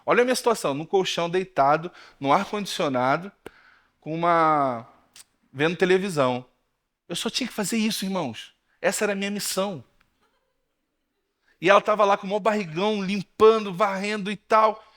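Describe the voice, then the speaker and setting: High-voiced Brazilian pastor in his thirties. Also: brisk. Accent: Brazilian Portuguese. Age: 30s. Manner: lively storytelling, addressing the congregation as brothers. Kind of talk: sermon. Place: church.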